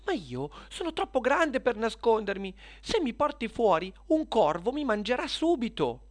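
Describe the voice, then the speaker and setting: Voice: big pitch swings, moderate pace, natural voice. Gambalunga, storyteller voicing a timid giant spider. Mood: pleading. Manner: high, pleading, then bargaining.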